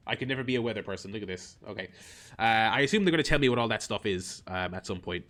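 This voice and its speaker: A man's voice: fairly low pitch, expressive, fast talker, a bit bright, soft background music. A man streaming a mobile game, reading its tutorial text aloud and adding wry, rambling asides with lots of fillers. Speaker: gaming streamer.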